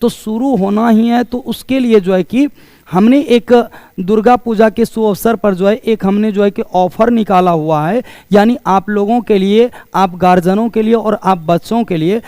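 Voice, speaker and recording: A man giving a promotional pitch for coaching classes as a teacher, explaining things repetitively. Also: moderate pace, a little mellow, dry recording. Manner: explanatory, repetitive, asks questions and answers them himself.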